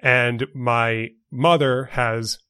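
Co-hosting a laid-back podcast, a young man from New York City chooses his words carefully, though fillers and restarts crop up often. He speaks in a steady, mid-range voice that is sharp yet clean.

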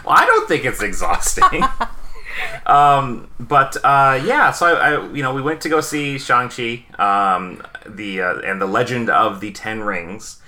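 A man's voice: medium pitch, sing-song, a little slow, pushed and bright. A man, hosting a casual podcast chat and rambling with many fillers. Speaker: podcast host.

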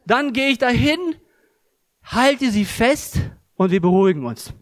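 A man's voice: very high voice, animated, measured pace, no echo, clean studio sound. A man giving an earnest, emphatic sermon, telling a story and explaining a Bible passage. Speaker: preacher.

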